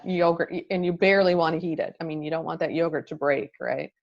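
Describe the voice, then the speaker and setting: Lower-voiced woman relaying questions. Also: fairly even intonation, fast talker, gravelly, muffled recording. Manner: friendly, laughs easily. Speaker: co-host reading viewer questions. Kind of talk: casual chat.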